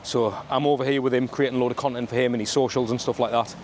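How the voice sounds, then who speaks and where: A man's voice: medium pitch, fairly even intonation, quick pace, darkish tone. Sunderland man vlogging over street noise. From Sunderland, north-east England. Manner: colloquial, matey, full of regional slang. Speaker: travel vlogger. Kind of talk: casual walking vlog chat to camera. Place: outdoors on a suburban street in the rain. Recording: outdoor street and traffic noise.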